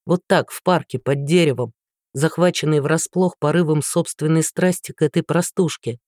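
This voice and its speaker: A woman narrating a romance novel in an even, matter-of-fact storytelling voice. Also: low-pitched, moderate pace, no room sound, studio quality. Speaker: audiobook narrator. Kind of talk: scripted narration.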